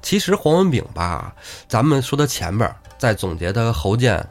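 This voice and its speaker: A man's voice: medium pitch, moderate pace, soft background music. A man co-hosting a podcast, retelling a classic novel in a casual, joking storyteller's way. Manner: lively, storytelling, jokey. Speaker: podcast co-host.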